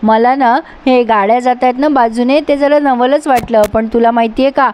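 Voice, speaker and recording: A woman's voice: a little high, steady tone, moderate pace, darkish tone, close to an everyday voice. A woman voicing a scheming, sly drunkard father who talks in a wheedling way.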